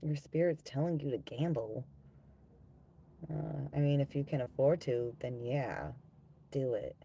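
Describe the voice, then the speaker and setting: A man with a relaxed, mellow voice hosts a casual live stream. His voice is gravelly and full of fry, like a long-time smoker's. He talks bluntly and conversationally to viewers and swears freely. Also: mid-range voice, measured pace. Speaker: live stream host and tarot reader.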